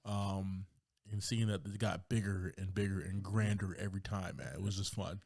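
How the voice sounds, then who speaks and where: Male movie podcast co-host, relaxed chatty delivery, slightly low voice, dry close sound. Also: moderate pace, gravelly, dry recording. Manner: relaxed, says "man" and "brother" often. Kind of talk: casual movie-review chat.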